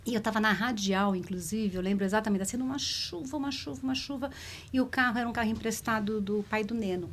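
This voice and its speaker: A woman's voice: on the high side, fast talker, slight background noise. Emotional woman. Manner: emotional, lively storytelling. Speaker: spiritist speaker. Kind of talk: personal story in a conversation.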